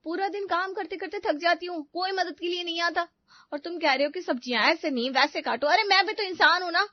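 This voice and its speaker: A woman plays a frustrated young cartoon wife who is fed up with housework and with her mother-in-law, indignant and sarcastic. Her voice is high, and the recording is dry and a little dull. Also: a little fast, no echo. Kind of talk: animated family story voice acting.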